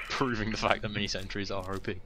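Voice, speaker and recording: Fast-talking young man gaming. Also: on the low side, little pitch movement, very noisy. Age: 20s. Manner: quick, wry commentary on the match. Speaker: gamer. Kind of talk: casual gaming chat.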